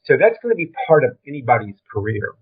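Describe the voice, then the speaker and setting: Over thin audio that sounds like a phone call, an older Brooklyn-accented man talks about his career as a film trailer and design veteran being interviewed. His medium-pitched voice is very animated and fast with a breathy edge, and his manner is emphatic, blunt and conversational.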